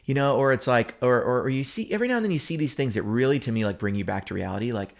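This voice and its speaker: A man's voice: mid-range voice, racing, gravelly. A man in his thirties hosting a guitar gear channel, rambling and opinionated in a casual monologue full of fillers and restarts. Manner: animated, opinionated, with frequent fillers and self-corrections. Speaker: guitar gear video host.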